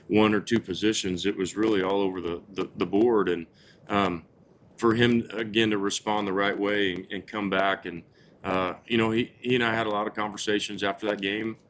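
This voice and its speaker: A man, a football head coach, giving halting, earnest, unscripted answers in a post-game interview, often repeating words as he goes. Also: lowish voice, a bit bright, slight background noise.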